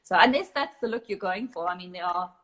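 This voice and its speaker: This guest photographer, a South African woman, has a lowish voice with lively intonation and a brisk delivery. Chatting casually on a live video call, she explains her tips with lots of ums and restarts.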